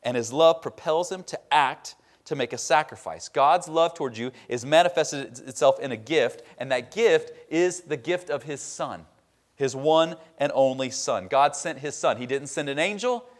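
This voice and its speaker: A man preaching a sermon, stressing key words loudly and dropping to a hushed tone at the ends of points. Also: fairly high pitch, normal speed. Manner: emphatic preaching, swinging between loud stresses and quiet drops. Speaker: pastor.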